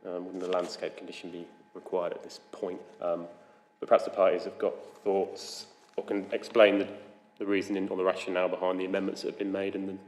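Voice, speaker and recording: Low measured man in an echoey hall. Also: completely flat delivery, darkish tone. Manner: measured, methodical, hesitant fillers. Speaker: planning inspector. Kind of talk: formal public inquiry discussion. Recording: echoey hall, some background noise.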